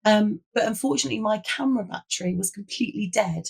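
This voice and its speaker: A British woman hosting a casual, chatty craft vlog with a hoarse, croaky frog voice, as if she has nearly lost it. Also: medium pitch, fast. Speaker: host of a craft video.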